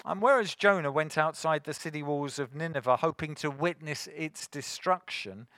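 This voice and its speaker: A man preaching a sermon, earnest and rising to forceful emphasis. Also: a little high, normal speed, dry recording, clean studio sound.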